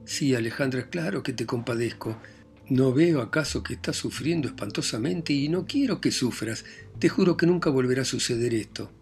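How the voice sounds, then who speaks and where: A man's voice: mid-range voice, expressive, moderate pace, vocal fry, soft background music. A man reading the lines of a desperate young man who pleads and insists with the woman he loves. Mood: pleading.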